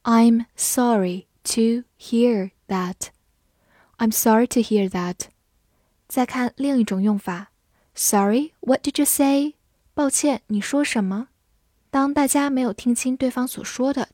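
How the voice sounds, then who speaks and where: A woman teaching English vocabulary, reading the example words slowly and patiently. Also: fairly high pitch, dark tone, dry recording, studio quality. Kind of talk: vocabulary lesson narration.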